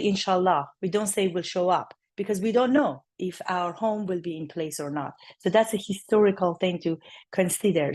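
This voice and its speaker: Hoarse, raspy woman presenting. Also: mid-range voice, a little mellow. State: hoarse from laryngitis. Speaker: psychologist, invited speaker. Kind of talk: presentation to an online conference.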